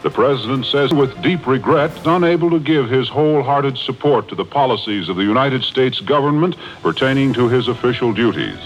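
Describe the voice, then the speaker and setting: A man's voice: medium pitch, animated, brisk, few pauses. A man announcing an interrupting news bulletin in a formal manner, heard as an old archival radio broadcast. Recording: dull lo-fi old radio recording with faint music.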